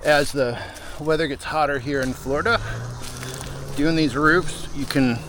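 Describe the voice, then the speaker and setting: A man's voice: on the high side, steady tone, measured pace, fairly bright tone, a little hiss or hum. A man talking casually to camera as a roof cleaning contractor, his voice muffled as if through a face mask. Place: outdoors at a job site.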